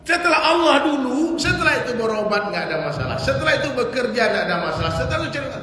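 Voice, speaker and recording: Male preacher, high-pitched and emphatic, very echoey hall with long reverb. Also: very animated, rapid-fire, bright, forceful tone, a little hiss or hum. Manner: emphatic, with repeated rhetorical questions. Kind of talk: sermon. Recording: echoey hall, live sermon.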